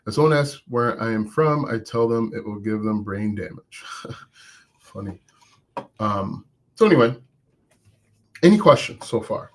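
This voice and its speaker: Answering chat on a live stream, a man coaches viewers about online business, mentioning that he has an accent himself. His lowish, expressive voice is a little slow with frequent pauses, and he talks conversationally and encouragingly, often restarting.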